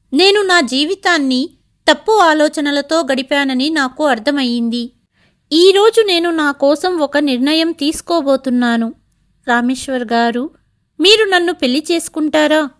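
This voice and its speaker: A woman voicing a dignified aging mother. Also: sits high. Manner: slow, measured speech.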